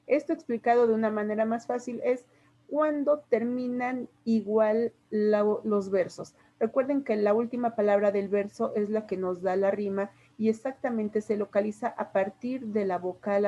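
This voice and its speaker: A woman's voice: mid-range voice, steady tone, moderate pace, mellow, highs cut off. A woman with a Mexican Spanish accent, a literature teacher patiently explaining poetry to a class step by step with examples. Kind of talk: classroom lesson.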